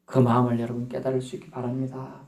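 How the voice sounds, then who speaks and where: A man's voice: medium pitch, monotone, fast, a little mellow. A male pastor preaching a sermon in a church, acting out little scenes and laughing as he goes. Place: church sanctuary.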